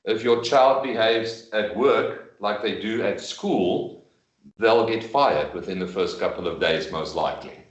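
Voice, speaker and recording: A man's voice: lowish voice, a little slow, muffled recording. A man giving an informal, explanatory presentation to parents at an information evening, speaking conversationally on a video call. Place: room with in-person attendees, streamed on a video call. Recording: echoey room, video call recording.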